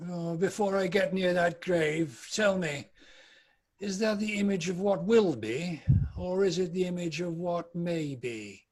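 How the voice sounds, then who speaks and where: Man acting high-voiced, theatrical old miser Scrooge. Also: measured pace. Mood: pleading. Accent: British. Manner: theatrical, pleading. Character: anguished, repentant old male miser, Ebenezer Scrooge. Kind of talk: dramatic table read.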